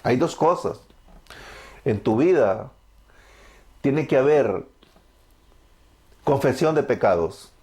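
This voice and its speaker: This evangelical testimony sermon is delivered by a Salvadoran man in his thirties whose Salvadoran Spanish accent is clear as he fervently answers his own questions. His medium-pitched, darkish voice moves with lively intonation, but the pace is slow and marked by long pauses.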